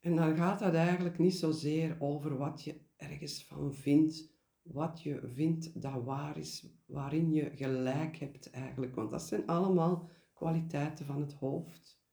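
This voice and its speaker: Man, guided meditation, slightly high-pitched, unhurried, gentle, deliberate pauses, roomy echo. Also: steady tone, vocal fry. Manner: gentle, deliberate, with pauses and repeated key words. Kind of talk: guided meditation, spoken reflection.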